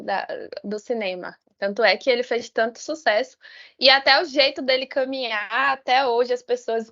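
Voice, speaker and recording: Brazilian lady teaching sign language over a video call, high clear voice, muffled call audio, lots of "né?". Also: fairly bright tone. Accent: Brazilian Portuguese. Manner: explanatory, frequent "né?" tags and self-corrections. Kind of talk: live online class lecture.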